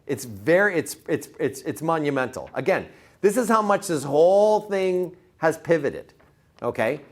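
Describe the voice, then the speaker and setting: Speaking unhurriedly with big swings in a fairly high voice, a sales trainer gives real estate agents an informal motivational presentation. His delivery is punchy; he repeats words for emphasis and fires questions at his listeners.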